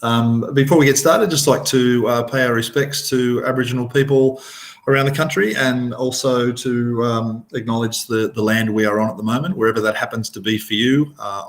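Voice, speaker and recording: A man in his fifties with an Australian accent, giving an informal webinar presentation over a video call. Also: fairly low pitch.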